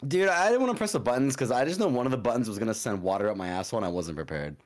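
A man's voice: mid-range voice, expressive, rapid-fire. A man on a voice call during a gaming stream, joking in a dry, sarcastic, crude way. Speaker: gaming guest. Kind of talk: casual chat on a voice call. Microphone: microphone on a voice call.

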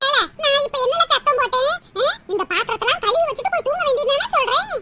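A woman voicing a sharp-tongued, quarrelsome old mother-in-law in a cartoon comedy, with a nagging, scolding manner. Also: very high-pitched, lively intonation, fast, heavily acted. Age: older. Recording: loud background noise.

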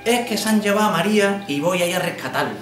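A man's voice: high-pitched, fast, fairly bright tone, faint music behind, voice pushed up. A man voicing a brave, polite young boy, with an earnest, eager manner and a raised voice, recorded from far off in an echoey room. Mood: earnest, determined.

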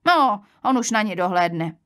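A woman reads an audiobook in a lightly acted character voice, playing a curious young village woman who gossips, pries, and exclaims in nosy astonishment. Her medium-pitched voice is fairly bright, with lively intonation.

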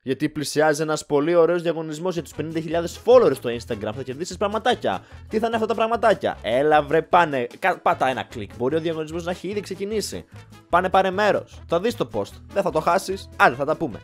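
A young man giving jokey, excitable gameplay commentary as a YouTuber, shouting during fights. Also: fairly high pitch. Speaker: gaming YouTuber. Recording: background game music.

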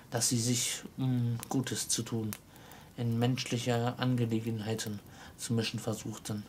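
A man reading a classic story aloud in an even, measured manner. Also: mid-range voice, a little hiss or hum. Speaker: audiobook reader.

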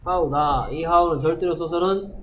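A man's voice: fairly high pitch, a bit bright, low-quality recording. A male English teacher giving a classroom grammar lesson, asking questions and answering them himself. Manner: reads English sentences slowly.

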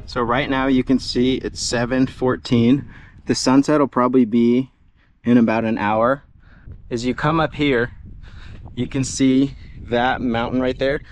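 A man's voice: medium pitch, flat delivery, measured pace, faint music behind. A young man narrating his own outdoor photography vlog, chatty and upbeat, talking into an action camera outdoors while hiking. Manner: chatty, upbeat, explains gear as he goes. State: out of breath at times. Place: outdoors on a desert hike. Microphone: action camera mic.

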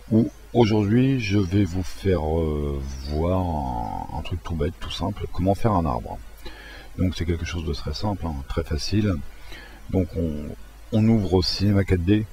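A man walking through a software tutorial in a casual, hesitant way, with many fillers and restarts. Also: sits low, vocal fry. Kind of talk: casual screen-recorded tutorial.

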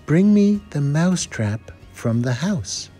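A man voicing a kind, gentle fairy godmother in a storybook read-aloud for children. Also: a little high, expressive, slow, husky, faint music behind, pitched above the performer's own voice, heavily acted. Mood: kindly. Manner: gentle, kindly.

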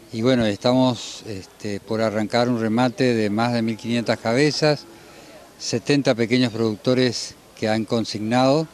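Male interviewee, 60s, mid-range voice, explains things carefully and haltingly into an outdoor reporter's mic. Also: medium pitch. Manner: measured, hesitant, frequent pauses mid-phrase. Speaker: institute president, interviewee. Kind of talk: news interview, unscripted explanation. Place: outdoors at cattle pens. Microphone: handheld reporter microphone.

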